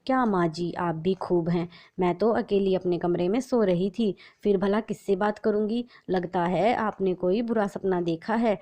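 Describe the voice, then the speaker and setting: A woman's voice: medium pitch, moderate pace, few pauses, dark tone, natural voice. A woman voicing a scheming young daughter-in-law with an impatient, scolding manner. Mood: falsely sweet. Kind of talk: storybook narration.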